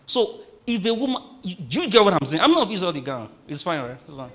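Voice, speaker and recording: Male pastor, high and very animated sermon voice, call-and-response delivery. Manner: reads scripture slowly and emphatically.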